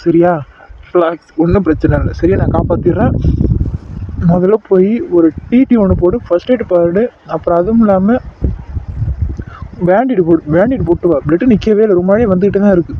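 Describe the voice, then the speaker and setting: A calm cartoon doctor reassures and gives quick, firm instructions, voiced by a man. His pitch is still fairly high though lowered, and the audio is muffled. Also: a little hiss or hum, natural voice. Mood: reassuring. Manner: soothing, giving brisk orders.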